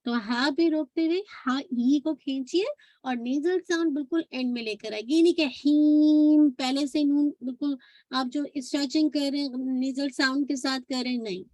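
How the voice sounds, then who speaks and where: A woman's voice: sits high, normal speed, a little mellow, dry recording. A woman teaching Quran recitation, patiently demonstrating and repeating each sound. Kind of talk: recitation lesson.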